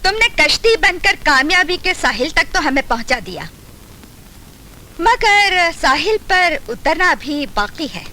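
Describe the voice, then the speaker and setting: A woman's voice: extremely high pitch, sing-song, unhurried, bright, forceful tone, full character voice, poor audio. An actress playing a shrewd, commanding woman politician in a Hindi film, speaking formal, declamatory lines. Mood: calculating. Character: shrewd, commanding female politician seeking power. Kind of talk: Hindi film dialogue acting.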